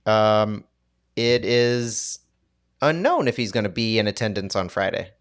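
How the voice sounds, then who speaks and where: A man's voice: on the low side, unhurried, no echo, studio quality. A man co-hosting a casual soccer live stream, talking in a rambling, hesitant way with many fillers. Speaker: podcast co-host.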